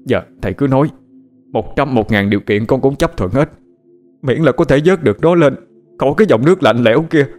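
A man's voice: medium pitch, expressive, brisk, a little mellow, faint music behind, pitched above the performer's own voice, close to an everyday voice. A man voicing a grieving father who pleads in a choked, sobbing voice. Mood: pleading.

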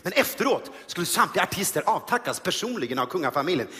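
A man performing a live stand-up comedy monologue, telling self-mocking stories in an animated way. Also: high-pitched. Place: large theater stage. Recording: hall reverb on a live stage.

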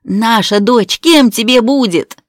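A woman voicing a hysterical, furious pregnant young wife who shouts shrill accusations. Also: slow pace, breathy edge, dry recording, studio quality. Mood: screaming.

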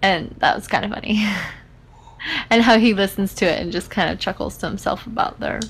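Woman co-host chatting about a book, quick asides, middle pitch. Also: creaky, slight background noise. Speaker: podcast co-host. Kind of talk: casual chat about a book.

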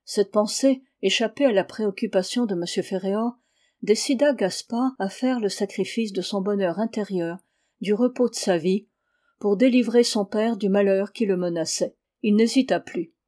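A woman reading a classic novel aloud in measured, even narration. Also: medium pitch. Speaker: reader.

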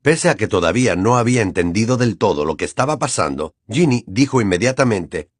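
A man narrating a dramatized audiobook in an even storytelling delivery. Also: lowish voice, a little fast, slightly rough, no echo, studio quality.

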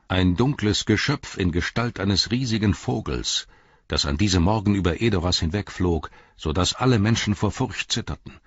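A loyal chieftain reports earnestly to his king in a deep, husky voice, as a male narrator reads him. The sound is dry and a little dull. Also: fairly bright tone, no room sound, full character voice.

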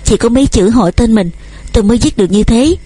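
Earnest young male suitor, read by a woman, eager and wordy, husky dark tone, audiobook. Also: a little high, fast talker.

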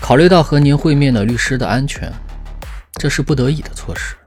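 An actor playing a cunning young man who speaks mildly and politely while quietly mocking his rival in an audio drama. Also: mid-range voice, very animated, normal speed, faint music behind. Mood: coolly polite.

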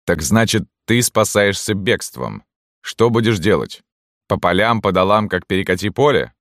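A man voicing a gruff, soft-hearted army sergeant who grumbles and speaks bluntly. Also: very deep voice, expressive, normal speed, no room sound, studio quality.

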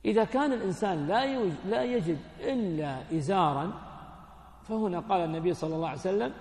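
A sheikh gives a classroom lesson on hadith, his voice pitched high with a gravelly edge. He keeps quizzing his listeners and then answers himself, in plain colloquial explanation. The sound rings through a large hall with a long, echoing tail. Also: expressive, fast, a little mellow. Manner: asks students questions, then answers them himself. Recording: echoey hall with long reverb.

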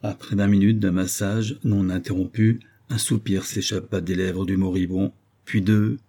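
A man narrating an audiobook in a measured, expressive reading. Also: low voice, slightly rough.

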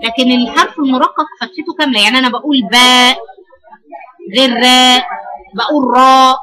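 Brisk high Egyptian woman teacher. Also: fairly even intonation. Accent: Egyptian Arabic. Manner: quizzing students, repeating key answers. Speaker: Quran recitation teacher. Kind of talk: classroom lesson with questions. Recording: noisy crowded classroom.

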